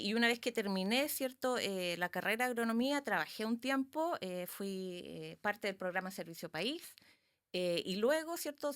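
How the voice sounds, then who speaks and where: A woman's voice: on the high side, fairly bright tone. A middle-aged woman from southern Chile, an academic guest talking with frequent hesitations. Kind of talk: conversational interview.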